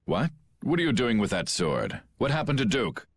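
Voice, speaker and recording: An actor uses a husky, mid-range voice with huge pitch swings at normal speed, fully in character as a cold, scheming middle-aged commander. In this game cutscene, set over music, the ruthless man gloats over his captives and laughs at them mockingly.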